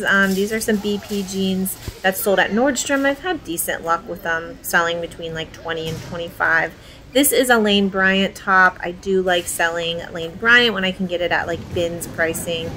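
Talking casually to her audience and addressing them as "guys," a woman in her thirties vlogs about thrift reselling. She has a medium-pitched, slightly bright voice, captured in a rough recording with obvious background noise and the ambience of a warehouse.

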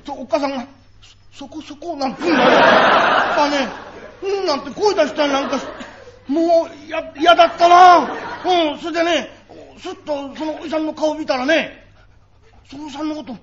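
A man's voice: very high-pitched, a crowd in the background, pitched above the performer's own voice. A man voicing a cheeky young boy who teases and coaxes coins from his father, in a live comic storytelling performance. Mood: teasing. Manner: coaxing, teasing, drawn-out storytelling. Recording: dull live recording with audience laughter.

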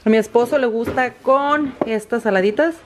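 A woman's voice: fairly high pitch, normal speed, slight background noise. Chatty woman vlogging. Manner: chatty, switching between Spanish and English. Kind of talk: casual family vlog. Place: home kitchen and restaurants.

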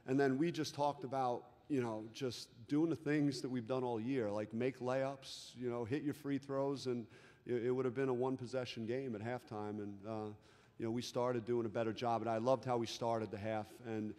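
A middle-aged man, a head coach, answering reporters at a postgame press conference into a table microphone, measured and full of restarts and "you know" fillers. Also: medium pitch, steady tone, a little mellow. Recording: long reverb of a large room.

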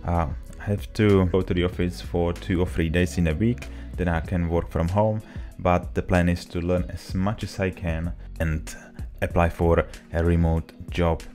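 A young man with a Czech accent talks to camera from a small home office, telling a relaxed story in slightly broken English. His voice sits low, and he speaks into a desk mic on a boom arm. Faint music plays underneath. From Czech Republic. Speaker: vlogger. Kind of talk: casual talk to camera.

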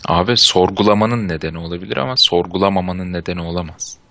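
A young man with a lowish voice that still has a bright, sharp edge. He jokes around and fires back quick retorts while he plays. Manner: joking, quick comebacks, excitable. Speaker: co-player. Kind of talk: casual gameplay chat.

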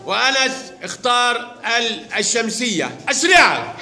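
A man's voice: very high-pitched, sing-song, background noise. A male teacher running a word game in a classroom, calling pupils up by turn and urging them to hurry. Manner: brisk, directive, urging pupils on. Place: classroom, large room.

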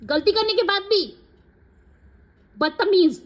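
A woman scolding and coaxing her pet dog, switching between firm telling-off and soft baby talk. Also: extremely high pitch, slow. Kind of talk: talking to her dog on camera.

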